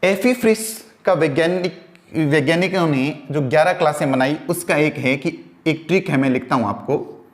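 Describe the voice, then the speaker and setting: A man's voice: on the high side, normal speed. A male teacher gives a lecture. He asks questions and answers them himself, repeats himself and spells words out as he writes. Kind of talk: classroom lecture.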